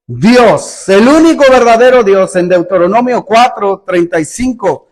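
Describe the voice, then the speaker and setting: A man's voice: high-pitched, animated, measured pace. A male pastor preaching a sermon in an emphatic style, acting out sarcastic rhetorical questions.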